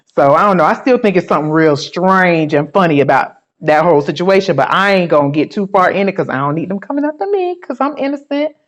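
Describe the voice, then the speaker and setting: A woman's voice: lowish voice, animated, fast talker, hardly any pauses. A woman with a New York accent hosting a casual talk show, blunt, gossipy and profane. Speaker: host. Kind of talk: casual opinion chat. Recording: dull lo-fi sound.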